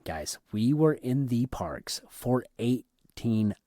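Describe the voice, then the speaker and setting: A man co-hosting a podcast, chatting casually and excitedly about a theme park trip, often repeating words. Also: mid-range voice, slow, no room sound, studio quality. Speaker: podcast co-host. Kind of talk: casual trip recap chat.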